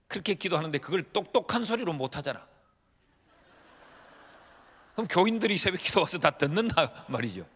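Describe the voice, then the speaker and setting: A man in his fifties preaches from the pulpit with a rather high voice. He tells stories with humor and acts out prayers as lively dialogue. A long church-hall reverb trails each phrase. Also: brisk, pauses often. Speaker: pastor. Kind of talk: sermon. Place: church sanctuary.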